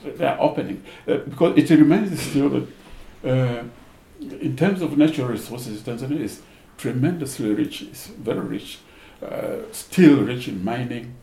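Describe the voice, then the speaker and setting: A man giving an unscripted, thoughtful seminar answer in a hesitant, halting way, with a gravelly voice. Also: medium pitch, animated, warm tone. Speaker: panel speaker. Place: seminar room. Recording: roomy echo, faint background noise.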